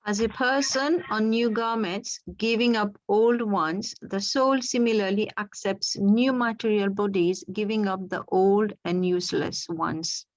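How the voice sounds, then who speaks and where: A woman from Mauritius with a Mauritian accent, reading scripture in a measured way over a laptop call. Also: mid-range voice, fairly even intonation, no room sound, poor audio. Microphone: laptop on an online call.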